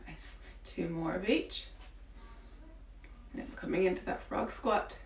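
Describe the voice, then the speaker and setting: Woman leading a home workout, bit croaky, mic a ways off, faint room hum. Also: lowish voice, a little slow. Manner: encouraging, counting through exercises. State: morning croaky voice. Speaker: fitness coach. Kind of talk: guided home workout instruction. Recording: roomy, from a distance with faint ambience.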